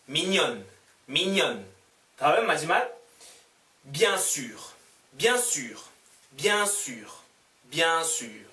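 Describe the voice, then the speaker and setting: A man giving a beginner language lesson, patient and methodical, saying each word several times over. His voice is bright, with lively swings of pitch. The sound is roomy, with the mic some distance away. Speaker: French teacher.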